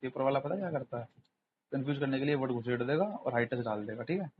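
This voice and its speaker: A man's voice: medium pitch, fast, narrow, tinny audio, slight background noise. Chatty male exam tutor quizzing viewers. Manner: chatty, repetitive, quizzes the viewer with rhetorical questions. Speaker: exam tutor, channel host. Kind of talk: informal vocabulary lesson with mnemonics.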